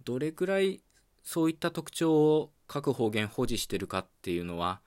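A man from Okayama with an Okayama accent, hosting a calm solo talk show and explaining things in a relaxed, chatty way with fillers. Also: mid-range voice, normal speed. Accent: Okayama dialect. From Okayama, Japan. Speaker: podcast host.

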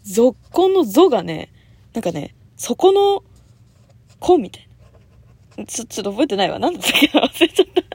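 A young woman hosting a casual solo talk show, chatty and animated, with lots of fillers and frequent laughs. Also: a little high, a little fast, long pauses, husky, no echo. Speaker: podcast host.

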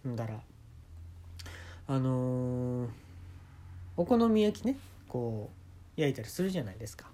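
Kansai guy doing a solo funny story talk, deadpan but jumps around in pitch, mid voice. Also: unhurried, long pauses. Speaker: podcast host. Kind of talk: comic storytelling monologue.

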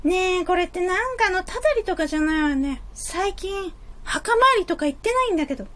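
A woman's voice: very high-pitched, animated, fairly quick. A woman playing a cheeky, scheming office lady in a comic stage play, blunt, teasing and theatrical. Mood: suspicious.

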